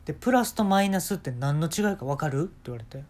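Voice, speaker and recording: A man with a Kansai accent telling an absurd story in a rambling, deadpan way as the host of a talk show. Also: a little high, fast. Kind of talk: comic storytelling monologue.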